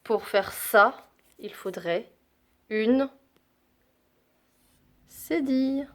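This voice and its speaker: Slow-speaking woman teaching phonics. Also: a little high. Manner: slow, deliberate, repeats sounds and example words. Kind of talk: phonics lesson for young children.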